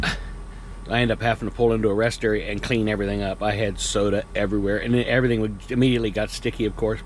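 This middle-aged man, in his fifties, drives a truck and films himself in the cab at night after an earlier stretch outdoors at a loading yard. He talks fast in a fairly low, flat voice, rambling conversationally with plenty of fillers, over slight hiss or hum.

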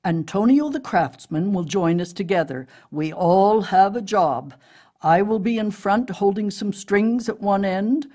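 A woman voicing an old, experienced, talking piece of spruce wood, calm and assured in a storybook tale. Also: medium pitch, measured pace.

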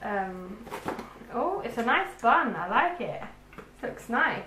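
A woman's voice: a little high, big pitch swings, takes it slowly, pushed and bright. A chatty, teasing woman, hosting a casual food taste-test vlog. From London, England. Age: 20s. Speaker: vlogger co-host. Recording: echoey room with faint background hiss.

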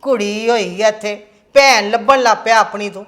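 A woman playing a sharp-tongued mother who scolds her sons and scorns her elderly in-laws in a family drama. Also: medium pitch, moderate pace, lightly acted. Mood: scolding. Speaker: mother and daughter-in-law.

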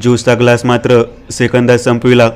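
A man narrating a horror story in a steady, even-toned scripted reading. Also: mid-range voice, brisk, a little hiss or hum.

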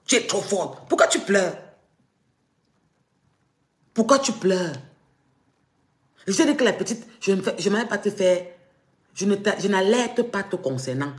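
A woman's voice: lowish voice, roomy sound. A woman with a Cameroonian French accent, ranting on a live stream in a taunting, mocking, threatening way. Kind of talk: confrontational live-stream rant.

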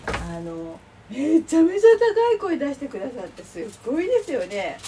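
With huge pitch swings and a high-sitting voice at normal speed, a middle-aged woman talks casually as she cooks lunch boxes in her home kitchen. This vlogger rambles, exclaims and laughs while working; the distant mic catches clear kitchen sounds.

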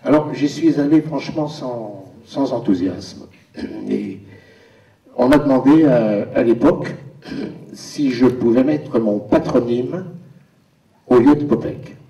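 A man's voice: medium pitch, warm tone. Wry man telling stories in an echoing hall. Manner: wry, storytelling, with pauses. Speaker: actor. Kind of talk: anecdotal talk at a premiere Q&A. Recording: echoey hall, distant dull mic.

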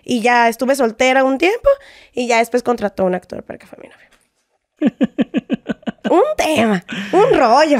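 A young woman with a Mexican accent, speaking in a high voice, is a guest in a casual interview and tells her stories in a chatty way. She acts out quoted dialogue as she goes, with lively intonation, an unhurried pace and long pauses. The recording is close and dry, with no room sound.

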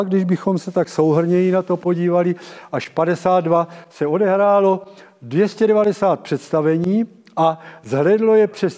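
An elderly man giving a public lecture, halting and correcting himself as he addresses his listeners. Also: high-pitched, dark tone. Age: 70s. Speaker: lecturer on local theatre history. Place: large dim auditorium with stage and seated audience. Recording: reverberant hall, long echo.

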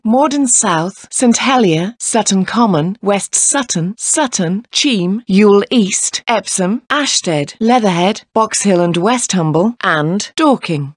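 A woman with an English accent reading scripted railway announcements in a formal, measured, pieced-together way. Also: medium pitch, no room sound, studio quality. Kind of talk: scripted train station announcements.

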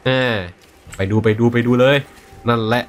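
A man's voice: medium pitch, flat delivery, moderate pace. A man streaming a video game, translating the characters' lines aloud and chatting about them as he plays. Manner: voices characters' lines and reacts between them. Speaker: gaming streamer. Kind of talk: live game commentary with voice-over translation.

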